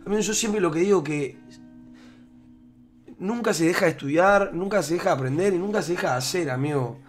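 A man's voice: high voice, a little fast, soft background music. A young man with an Argentine accent, a streamer speaking emotionally to his viewers while holding back tears. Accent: Rioplatense Argentine. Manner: emotional, repetitive, keeps saying "amigo" and "boludo". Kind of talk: heartfelt talk to viewers.

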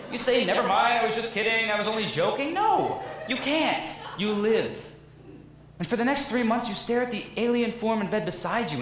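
A young man playing a wistful middle-aged theatre fan who talks wryly to the audience on a stage musical. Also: sits high. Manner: chatty, wry asides to the audience. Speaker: Man in Chair. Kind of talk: student stage musical acting. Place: school auditorium stage. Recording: echoey auditorium, audience noise.

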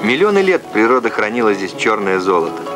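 Man narrating an old newsreel over loud music. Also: fairly low pitch, very animated, fairly quick.

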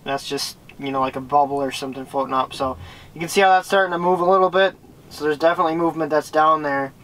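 A man's voice: fairly high pitch, quick pace, a bit bright, rough recording. A young man explaining how he fishes, chatty and casual, inside a small ice fishing shelter on a camera-mounted mic. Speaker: fishing vlogger. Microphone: camera-mounted shotgun mic with windscreen.

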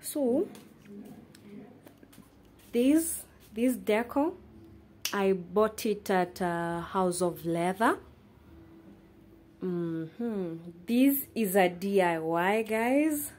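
Slow, chatty Kenyan woman vlogger. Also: mid-range voice, expressive, darkish tone, a little hiss or hum. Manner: chatty, slow and halting with many fillers. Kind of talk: casual house tour. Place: small studio apartment indoors. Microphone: handheld phone camera, speaker off screen.

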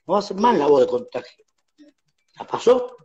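An animated Argentine man tells stories in a casual radio interview. He acts out quarrels as he goes, in a slightly high voice on muffled, lo-fi studio audio. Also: normal speed. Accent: Argentine Spanish. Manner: animated storyteller acting out phone quarrels. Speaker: musician guest.

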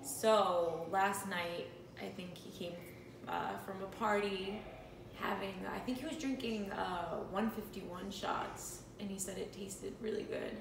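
Slow-talking woman in a roomy, noisy house. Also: mid-range voice, fairly even intonation, gravelly. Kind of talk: casual comic storytelling to camera. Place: indoors, open kitchen and hallway at home. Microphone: phone camera a few meters away. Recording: roomy, distant mic, noisy.

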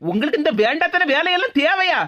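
A woman's voice: very high voice, lively intonation, quick pace, heavy background noise. A woman voicing a feisty, blunt young cartoon woman who scolds, with a Tirunelveli Tamil accent. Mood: scolding. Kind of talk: cartoon voice acting. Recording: dull lo-fi recording.

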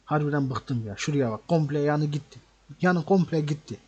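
Fuming husky gaming host ranting. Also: male voice, fairly high pitch, normal speed, a little mellow, muffled recording. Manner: angry ranting, swears often, repeats himself. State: frustrated. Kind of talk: role-play gameplay commentary.

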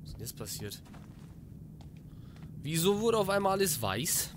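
A man's voice: high voice, sing-song, moderate pace, noisy background. A man giving casual let's play commentary, talking to himself, getting jumpy and swearing, sometimes reading in-game notes aloud.

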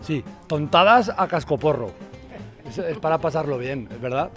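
A man's voice: on the high side, expressive, normal speed, soft background music. A middle-aged man with an accent from Spain chatting casually as a performer in an interview. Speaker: stage performer. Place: theatre stage. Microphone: handheld close mic.

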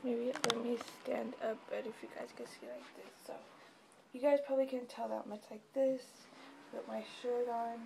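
A woman's voice: fairly high pitch, moderate pace, vocal fry, a little mellow, a little hiss or hum. A tired young woman giving a casual, rambling pregnancy update vlog at home, with many fillers. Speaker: vlogger.

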